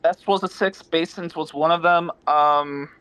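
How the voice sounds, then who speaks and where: A man serving as the word expert, who explains the best answers and spells each one out. His voice is fairly high and bright, recorded close and dry. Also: fairly even intonation, unhurried, clear, resonant tone, no echo, rough recording. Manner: explanatory, spells words out letter by letter. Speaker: dictionary expert. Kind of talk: explaining best possible words.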